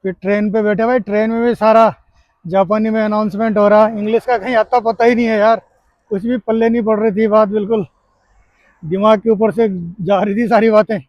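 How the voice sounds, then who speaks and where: A man's voice: sits high, flat delivery, brisk, muffled recording. A man from India telling a casual story to his viewers, chatty and laughing as he talks. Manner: chatty, laughing, addresses friends often. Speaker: vlogger. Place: Japan.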